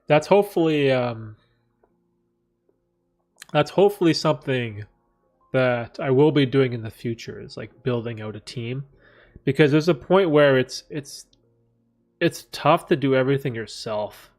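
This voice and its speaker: A man hosts a casual livestream Q&A, answering viewer questions from a room at home with a bookcase behind him. His medium-pitched, slightly mellow voice moves a little slowly with long pauses, and he rambles with many fillers and restarts.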